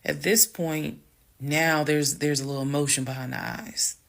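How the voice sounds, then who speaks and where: A woman with a gravelly, fry-edged voice tells her own story straight to her viewers. She keeps it calm and matter-of-fact, blunt and candid, with casual swearing mixed in. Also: low-pitched, moderate pace. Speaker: storytime vlogger.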